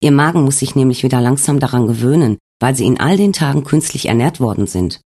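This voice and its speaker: A man voicing a calm, reassuring female hospital nurse in an audiobook. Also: a bass voice, quick pace, slightly rough, exaggerated voice.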